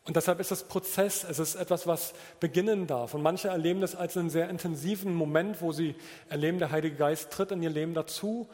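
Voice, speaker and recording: A man's voice: a little high, brisk, a little mellow. A man preaching a sermon in an informal, explanatory manner, using an everyday object as an illustration. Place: church hall. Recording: reverberant church hall.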